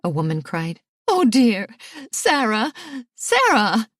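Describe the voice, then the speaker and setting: A woman's voice: sits low, flat delivery, normal speed, darkish tone, no room sound, clean studio sound. A woman voicing a flustered, anxious mother who cries out and stammers.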